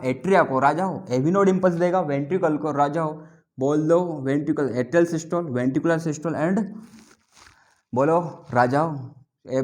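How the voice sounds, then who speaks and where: A male biology teacher giving a lively classroom lecture, drilling students to repeat terms back to him and teasing them playfully, mixing with terms. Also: on the high side. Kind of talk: classroom lecture with call-and-response.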